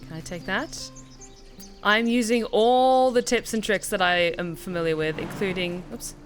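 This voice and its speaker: A chatty, expressive woman giving casual live commentary as she plays a game. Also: medium pitch, normal speed. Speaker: game streamer and author. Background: game music.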